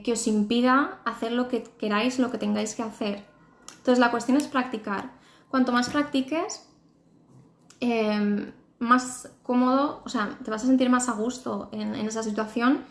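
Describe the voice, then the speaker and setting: Chatty woman, echoey room. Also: fairly high pitch. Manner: chatty, many fillers and restarts. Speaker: English teacher. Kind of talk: live-stream advice talk. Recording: roomy echo.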